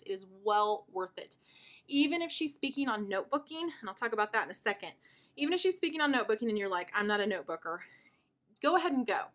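A woman in her thirties, a homeschooling mother, explaining her curriculum in a chatty, enthusiastic way while out of breath and sighing. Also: fairly high pitch. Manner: chatty and warmly enthusiastic, with fillers. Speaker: homeschooling mother and video host. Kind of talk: casual show-and-tell explanation.

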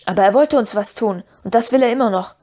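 A woman reading a gruff, blunt hobbit. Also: on the high side, fast talker, mellow, close to an everyday voice. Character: grumpy, loyal male hobbit servant. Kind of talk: audiobook reading.

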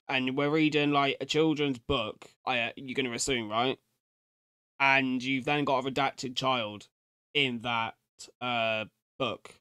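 A man in his thirties, seated at a desk indoors, gives relaxed reaction commentary and talks informally to viewers while thinking aloud. His mid-range voice has a fairly bright tone, recorded clean in a studio with no room sound.

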